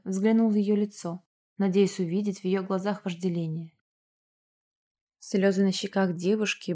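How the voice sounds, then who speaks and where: A woman narrating a romance novel in a steady storytelling manner. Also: mid-range voice. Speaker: audiobook narrator.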